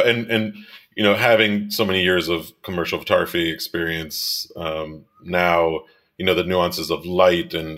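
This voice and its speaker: A man's voice: deep voice, fairly bright tone. A man in his thirties from Miami, a commercial photographer and director, talking casually as an interview guest, rambling with many fillers and restarts and laughing easily. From Miami, United States.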